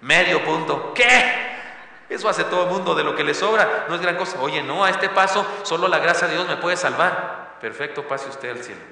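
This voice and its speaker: A man's voice: a little high, moderate pace, vocal fry, sharp tone. A man preaching a sermon as pastor, ironic and calling the congregation to read along. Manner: ironic, imitates showy pleas and asks the congregation to read along. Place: church sanctuary. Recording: echoey reverberant church hall.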